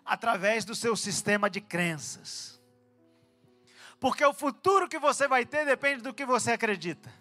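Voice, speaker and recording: A man preaching a fervent sermon in a church, swinging between calm teaching and loud, shouted exhortations, with quick asides to people in the room. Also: high voice. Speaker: pastor.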